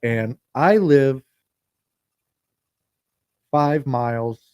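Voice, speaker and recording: A man's voice: mid-range voice, drawn-out words, a little mellow, clean tone, no room sound, clean studio sound. A man hosting a podcast livestream, chatting casually and rambling, often repeating and restarting his sentences. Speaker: podcast host. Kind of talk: casual solo livestream talk. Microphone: phone.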